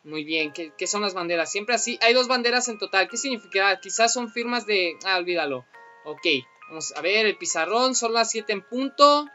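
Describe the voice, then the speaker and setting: A man commentating a video game, thinking aloud and bursting into excited outcries. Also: high voice, normal speed, dull audio, faint music behind. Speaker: gameplay commentator. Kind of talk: let's play commentary.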